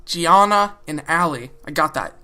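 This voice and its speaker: A woman's voice: low-pitched, lively intonation, normal speed, bright, forceful tone. A young woman hosting a reaction video, talking bluntly and sarcastically and swearing freely. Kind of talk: casual reaction commentary. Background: background music.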